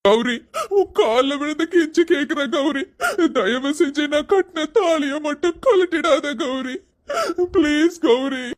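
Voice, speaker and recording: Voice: mid-range voice, normal speed, lightly acted. A performer voicing a devoted young husband who tearfully begs his wife to accept him. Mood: tearful pleading. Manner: begging, tearful.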